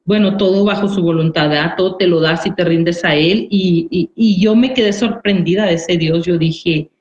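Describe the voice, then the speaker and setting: A woman's voice: on the low side, moderate pace, darkish tone. Earnest woman giving testimony. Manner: earnest, repeats phrases, often ends with "¿verdad?". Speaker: interviewee giving a church testimony. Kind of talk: personal religious testimony. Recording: roomy, dull recording.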